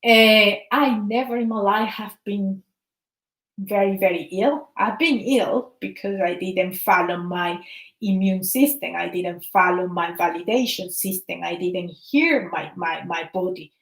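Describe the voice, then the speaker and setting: Slow earnest woman. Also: medium pitch, fairly bright tone, roomy sound, rough recording. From Venezuela. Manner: earnest, repeats words, searches for phrasing. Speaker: wellness practitioner. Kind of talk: impassioned personal talk.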